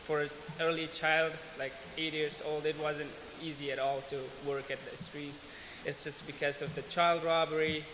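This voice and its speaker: A young Afghan man in his twenties gives his personal testimony as a guest speaker in a large church hall, his voice a little high with a sharp tone. He talks earnestly and plainly, taking his time and occasionally restarting a phrase. The recording carries the hall's echo and a faint hiss.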